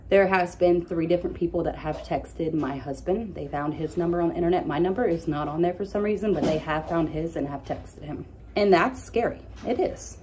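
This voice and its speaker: A woman's voice: deep voice, darkish tone, a little hiss or hum. A young woman with a lisp, casually answering follower questions in a candid, blunt vlog.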